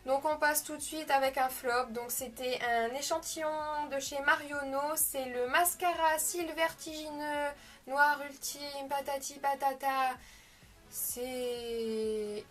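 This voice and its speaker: A high-pitched woman reviewing products she has used up in a casual vlog. She talks to her viewers in a chatty, frank way, often pausing with fillers and correcting herself mid-sentence. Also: steady tone, a bit bright, soft background music. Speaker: beauty vlogger.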